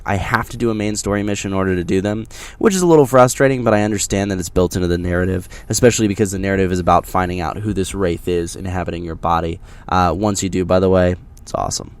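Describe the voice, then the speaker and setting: A man's voice: low-pitched, fast talker, smooth. A man talking casually through his impressions of a video game, explaining things directly to viewers in a conversational way. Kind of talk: casual scripted-free game impressions commentary over gameplay.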